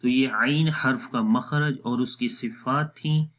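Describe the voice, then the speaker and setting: A man teaching a Quran recitation lesson, explaining pronunciation and drawing out each sound slowly to demonstrate it. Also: mid-range voice, steady tone, fairly bright tone. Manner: drawn-out demonstrative pronunciations of letters.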